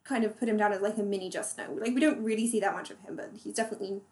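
A woman co-hosting a podcast in casual chat, talking fast and loose with many fillers and restarts. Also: medium pitch, a little mellow. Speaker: podcast co-host.

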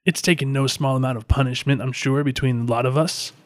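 A man's voice: mid-range voice, steady tone, fast talker, dry recording. Male game master, dry close sound. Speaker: podcast host and game master. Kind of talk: game narration and casual chat.

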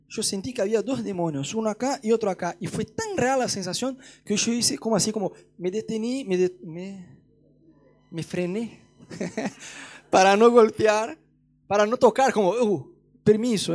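A young man preaching his testimony in Rioplatense Spanish, with a high-pitched voice. He tells the story with energy and acts out voices and scenes as he goes. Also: a little mellow. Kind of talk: testimony sermon.

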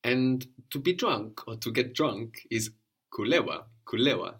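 A man's voice: mid-range voice, lively intonation, unhurried, fairly bright tone, slightly rough. A man teaching a one-on-one language lesson, patiently prompting questions and repeating his student's answers.

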